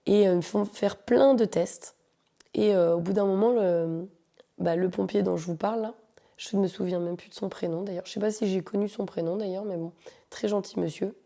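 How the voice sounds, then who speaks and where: A woman's voice: medium pitch, fairly even intonation, normal speed, dark tone. A woman hosting a podcast, telling a personal story in a casual, joking, slangy way and talking straight to her listeners. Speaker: podcast host.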